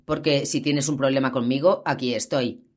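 A woman's voice: extremely low pitch, steady tone, normal speed, a little mellow. A woman reading the part of a sadistic, menacing male thug in an audiobook. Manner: taunting, menacing. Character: sadistic big adult male thug with a gun.

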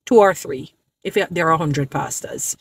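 A woman's voice: low-pitched, normal speed, creaky, a little hiss or hum. Emphatic woman lecturing from her car. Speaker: social media creator. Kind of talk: direct-to-camera preaching commentary. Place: parked car. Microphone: phone camera at arm's length.

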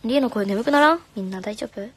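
A young woman, a singer, chatting casually on a live stream, reading comments in a soft, friendly way and sometimes whispering. Her voice is slightly hoarse. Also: fairly high pitch, fast talker. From Japan. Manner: soft and friendly, drops to whispers now and then. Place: home room. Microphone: phone.

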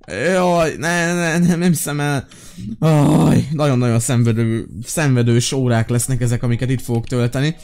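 A man playing a flustered kindergarten teacher in a game while commenting, excitable and prone to frantic, repeated pleading. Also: mid-range voice, clear, resonant tone. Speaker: gaming YouTuber. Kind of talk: Minecraft role-play commentary.

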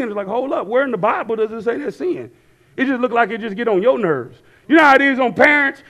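A man in his thirties preaching a sermon on a church stage, talking casually with the crowd and rising now and then to shouts. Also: high voice. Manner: conversational preaching, rising to shouts, asks the crowd to fill in words. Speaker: pastor. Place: church stage with screens and worship band behind.

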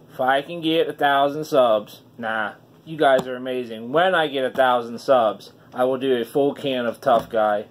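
Man talking with a lip full of dip. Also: medium pitch. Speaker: online dip reviewer. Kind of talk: casual chat to camera. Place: small wood-paneled room indoors. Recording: noisy room recording.

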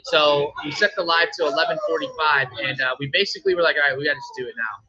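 A chatty, jokey man hosts a shop livestream, and his voice comes through a phone microphone. The tone is very bright but husky. The sound is tinny and lo-fi. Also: a little high, quick pace. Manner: chatty, jokey, self-interrupting. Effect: tinny phone-mic sound. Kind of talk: casual livestream chat. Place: busy, loud shop. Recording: tinny lo-fi phone-mic audio.

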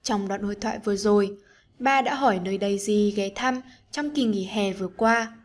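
A woman teacher narrating an online lesson for children, gentle and encouraging as she speaks to the pupils. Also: medium pitch, normal speed.

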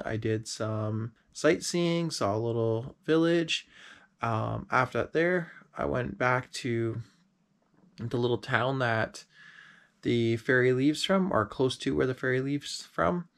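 A man tells the story of his road trip in voice-over, easygoing and unhurried. His voice is gravelly, with a mid pitch.

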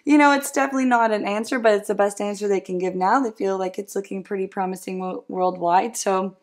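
A woman's voice: mid-range voice, fairly even intonation, fast talker. A woman in her thirties co-hosting a casual news chat from a living room couch, talking in a chatty, upbeat way. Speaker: co-host.

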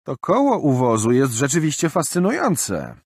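A man's voice: mid-range voice, wildly swooping pitch, normal speed, slightly rough, no room sound, voice pushed up. A male narrator voicing a sarcastic young man with a dry, mocking delivery. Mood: wry.

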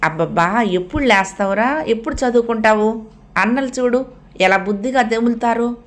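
A woman's voice: on the high side, moderate pace, natural voice. A woman reading the lines of an irritated mother who scolds her lazy son awake. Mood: scolding. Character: stern scolding middle-aged mother.

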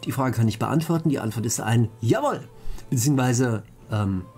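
A man's voice: mid-range voice, animated, normal speed, darkish tone, faint music behind. A man hosting a let's play, casually commentating and joking while reading out chat questions.

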